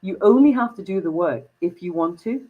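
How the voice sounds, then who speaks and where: A woman from the United Kingdom, a company founder, telling stories as an interview guest with lively jumps in pitch. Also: brisk, husky, highs cut off. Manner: animated storyteller, pitch jumps when excited. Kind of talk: interview conversation.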